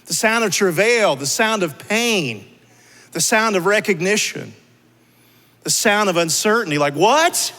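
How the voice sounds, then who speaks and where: A man's voice: high voice, animated, a little slow, bright, forceful tone. A male pastor preaching a sermon in a church, talking conversationally and asking his listeners rhetorical questions. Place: church sanctuary. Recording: long church hall reverb.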